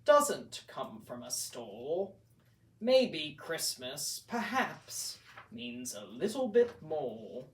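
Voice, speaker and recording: A man's voice: on the high side, very animated, very slow, full character voice. A man voicing a sly, sneering, gloating grouch creature in a theatrical storybook read-aloud. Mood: puzzled. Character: sly, gleeful, sneering green Christmas-stealing grouch creature. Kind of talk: storybook read-aloud in the manner of 1960s horror-film narration. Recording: roomy echo, distant from microphone.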